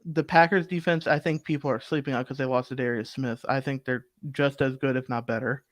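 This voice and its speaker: A young man co-hosting a sports betting show, arguing football picks in casual, animated talk full of fillers. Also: medium pitch, fairly quick, no room sound. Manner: animated, argumentative, rambling with fillers.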